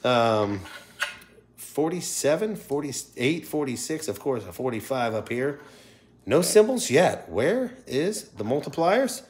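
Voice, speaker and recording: A man's voice: mid-range voice, sing-song, slow, darkish tone, slight background noise. A middle-aged man giving casual, chatty livestream commentary to his viewers. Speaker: livestream host scratching lottery tickets. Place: indoors at a wooden table.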